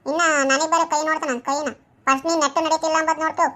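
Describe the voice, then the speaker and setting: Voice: high-pitched, little pitch movement, racing. A performer playing a village wife who mocks and scolds her drunken husband in a comic skit. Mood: mocking, scolding. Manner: sharp, mocking, scolding.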